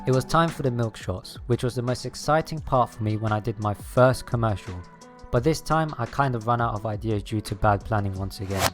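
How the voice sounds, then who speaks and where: A man's voice: mid-range voice, fairly quick. A man reading a scripted voice-over as a video creator, explaining his process step by step. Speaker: video creator narrating his own making-of. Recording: music behind the voice. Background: background music.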